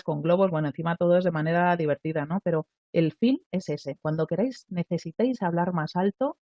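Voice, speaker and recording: A woman's voice: on the low side, no echo. A woman coaches voice technique in a live online lesson. She explains patiently and keeps checking that her listeners follow along. The sound is dry and slightly dull, from a close mic.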